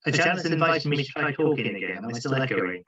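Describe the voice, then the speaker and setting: A man's voice: medium pitch, animated, fairly quick, fairly bright tone. Man on a call with device echo. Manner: hesitant, stops and restarts questions. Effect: echo from a second device. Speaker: meeting host taking questions. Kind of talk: online meeting Q&A. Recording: echoey, dull video call audio.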